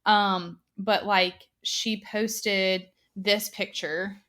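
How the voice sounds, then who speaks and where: A woman's voice: medium pitch, fairly even intonation, very slow, fairly bright tone. A woman in her twenties hosting a podcast, chatting casually with lots of fillers. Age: 20s. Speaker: podcast host. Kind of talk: casual chat.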